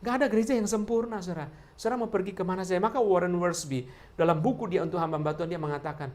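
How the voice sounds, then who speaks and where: A man's voice: high voice, fairly even intonation, racing, darkish tone. A male pastor preaching a sermon, asking rhetorical questions and repeating key words while constantly addressing the congregation as brothers and sisters.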